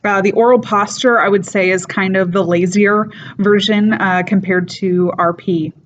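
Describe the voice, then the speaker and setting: A woman, an English teacher, giving a casual spoken lecture, explaining things in an unhurried way with frequent fillers. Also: medium pitch, steady tone. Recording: dull lo-fi recording with faint noise.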